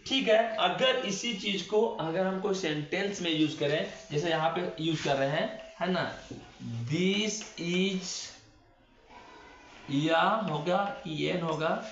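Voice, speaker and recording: A man with a fairly high voice teaches a classroom-style grammar lesson at an unhurried pace. He keeps posing questions and answering them himself, and he stretches words out when he spells them. The sound is roomy and a little dull, like a lo-fi recording. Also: a bit bright. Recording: echoey room, dull lo-fi sound.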